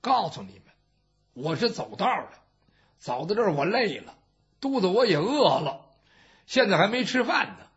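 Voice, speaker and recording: A storyteller putting on a gruff brash old-style warrior, blunt and boastful, high lively voice swinging all over, on a dull lo-fi recording. he scoffs at everything. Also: moderate pace, long pauses. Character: blunt brash middle-aged male warrior.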